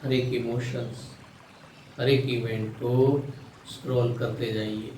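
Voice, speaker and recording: A man with an Indian accent and a medium-pitched voice leads a guided meditation, giving calm, soothing instructions with long pauses. The recording has a roomy echo, a distant mic, and faint noise.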